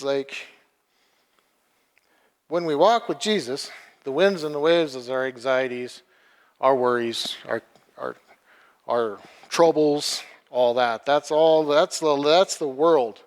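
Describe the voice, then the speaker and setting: A man giving an informal sermon, halting and repeating words as he retells a story. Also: on the high side. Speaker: preacher. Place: church hall. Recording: long hall reverb.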